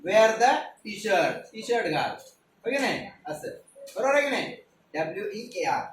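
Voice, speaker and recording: Spelling English words out letter by letter for young pupils, a primary school teacher from Maharashtra, India, keeps asking the class to repeat after him. His voice sits high and swings widely in pitch, a bit bright, at a moderate pace. The room is very echoey, he is far from the mic, and there is slight background noise.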